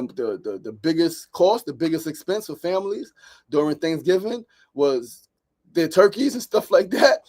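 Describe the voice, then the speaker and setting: A man hosts a motivational livestream. His voice sits high for a man. He preaches emphatically and circles back to the same rhetorical questions. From South Jamaica, Queens, New York. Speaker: show host. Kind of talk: motivational livestream talk, reading viewer comments.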